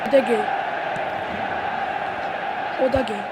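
A streamer giving casual commentary while playing a mobile football game, excitable and swearing and shouting at their own players, voice going hoarse. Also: mid-range voice, slow, a loud crowd, heavy background noise.

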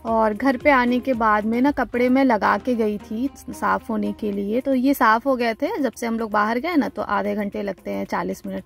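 A woman's voice: fairly high pitch, vocal fry. A woman from India talking casually over her home vlog, explaining each step in a chatty way. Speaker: vlogger.

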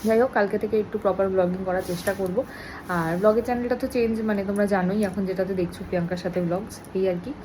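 A woman's voice: racing, background noise. A young woman, chatting casually to camera in a home vlog. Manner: chatty, switches into high sing-song baby talk with her daughter. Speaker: vlogger.

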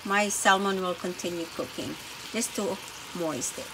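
A woman's voice: lowish voice, measured pace, background noise. A woman hosting a home cooking video, chatting to viewers as "everyone" while she narrates each step at the stove. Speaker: cooking channel host. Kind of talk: casual cooking demonstration. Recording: home kitchen with loud sizzling pan. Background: loud frying and sizzling.

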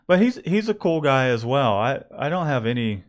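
A man's voice: mid-range voice, sing-song, normal speed. A man, the host and co-owner of a screen printing shop, talking casually with many restarts and jokes. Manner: rambling, self-correcting, joking. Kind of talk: casual chat.

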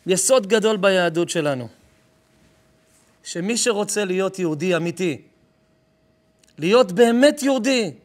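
A rabbi giving a live sermon, telling a story with emphasis and calling to his listeners directly. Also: sits high. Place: live lesson before an audience.

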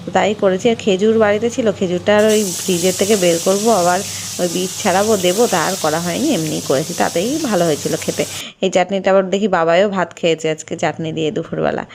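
Woman, middle-aged, rambling home vlog talk, fast, noisy room behind. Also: fairly low pitch, steady tone, gravelly. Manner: chatty, rambling, many fillers. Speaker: vlogger. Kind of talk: casual home vlog narration. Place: home kitchen and bedroom.

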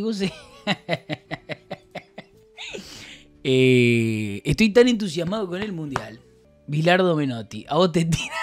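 A man with an Argentine accent chatting casually on a stream, reading out messages and rambling with crude, joking banter. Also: high-pitched. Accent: Argentine Spanish.

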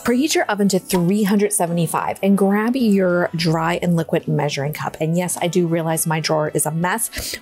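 A woman dietitian hosting a home cooking demo, talking in a chatty, folksy way with playful asides. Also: on the low side. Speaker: dietitian and cooking channel host. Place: home kitchen.

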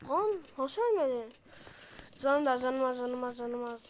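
A woman's voice: high-pitched, expressive, measured pace, a little hiss or hum. A woman giving frustrated gameplay commentary, dramatic and exasperated, swinging between mutters and outbursts. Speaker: gaming video creator.

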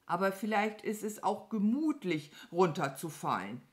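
A woman voicing a gentle, thoughtful cow who talks earnestly. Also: mid-range voice, very animated, unhurried, voice pushed up. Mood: musing. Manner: earnest, musing.

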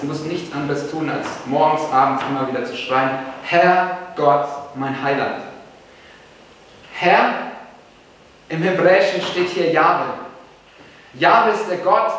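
Man, German accent, pastor, emphatic sermon, high voice, echoey hall from far off. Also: fairly bright tone. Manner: earnest, emphatic preaching, repeats phrases. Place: church hall.

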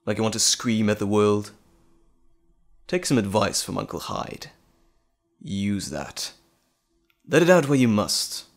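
Man acting slow, menacing, teasing Mr. Hyde. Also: on the low side. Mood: mocking, condescending. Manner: theatrical, mocking, drawling with dramatic pauses. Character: menacing, teasing monstrous male alter ego, Mr. Hyde. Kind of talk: dramatic audio roleplay addressed to the listener.

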